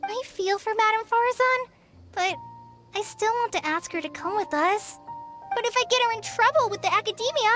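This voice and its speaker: An actress voicing a shy, humble young woman apprentice who speaks softly and self-effacingly, in game audio. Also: extremely high pitch, expressive, normal speed. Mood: worried. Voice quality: timid, soft, self-effacing. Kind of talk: game voice acting. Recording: game audio with clear music.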